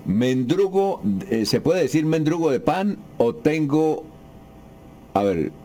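Mellow radio host. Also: male voice, fairly high pitch, very animated, slow pace, slight background noise. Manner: casual, reads out listener questions. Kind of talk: casual radio conversation.

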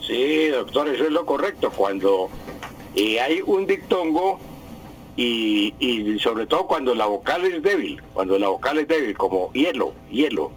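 A man's voice: medium pitch, sing-song, unhurried, poor audio. A man, a language expert on a radio call-in show, patiently correcting word usage and repeating terms for emphasis.

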